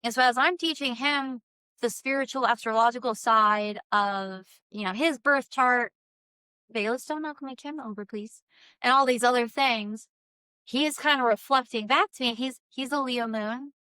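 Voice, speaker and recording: A woman talking in a casual, rambling and animated solo vlog style, informal and unscripted. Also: on the high side, moderate pace, clear, resonant tone, no room sound. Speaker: host, self-published author.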